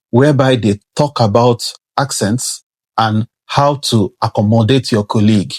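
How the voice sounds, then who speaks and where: A man with a heavy non-native accent talks to camera in an earnest, instructive way. His voice is husky. The sound is dry and close, with no room echo. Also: medium pitch, darkish tone. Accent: non-native English, heavy. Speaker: career vlogger. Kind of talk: advisory talk to camera.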